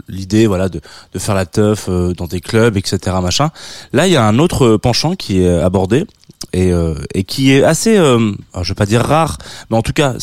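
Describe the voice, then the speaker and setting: A man's voice: on the low side, darkish tone, dry recording, clean studio sound. A man with a French accent hosting a radio show, chatting casually with many fillers and restarts. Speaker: radio host.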